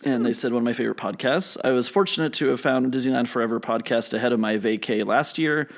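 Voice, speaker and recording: A man's voice: mid-range voice, quick pace, gravelly. A man with a mid-range voice co-hosts a laid-back podcast. He jokes and teases his co-host, dropping playful asides into the casual chat. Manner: joking, teasing, playful asides.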